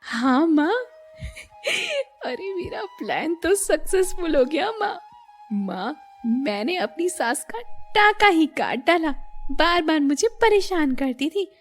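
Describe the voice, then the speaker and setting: A woman's voice: sits high, animated, slow, soft background music, voice pushed up. A woman voicing a fed-up, scheming young daughter-in-law in a cartoon story. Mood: gleeful. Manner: complaining, sly.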